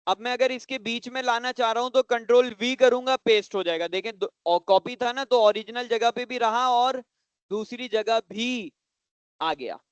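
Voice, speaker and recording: High-voiced male computer teacher. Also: smooth, no room sound. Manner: often checks if the class understands; repeats points slowly and patiently. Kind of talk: classroom lesson for children.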